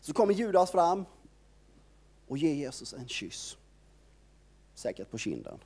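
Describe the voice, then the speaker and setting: A man's voice: on the high side, very animated, a little mellow, slightly rough. A man preaching an informal sermon, retelling a Bible story in a conversational storytelling way and leaning heavily on filler words.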